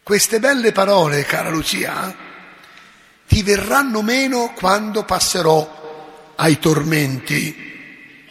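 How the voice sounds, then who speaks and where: A man's voice: high voice, animated, takes it slowly, pauses often, full character voice. A man doing a blustering, menacing Roman judge. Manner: loud, blustering threats. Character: menacing male Roman judge, scornful and threatening. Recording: echoey hall.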